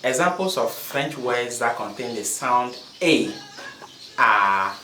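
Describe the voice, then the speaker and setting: A man teaching in a slow, deliberate textbook pronunciation style, repeating isolated sounds and example words one at a time. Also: medium pitch, animated, pushed and bright. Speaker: French teacher. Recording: echoey room with faint noise, birdsong.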